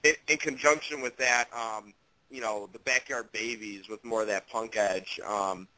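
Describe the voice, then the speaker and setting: A man's voice: fairly low pitch, steady tone, moderate pace, pushed and bright, dry recording, low-quality recording. A man speaking as a band member guest in a casual radio interview, laid-back and full of fillers.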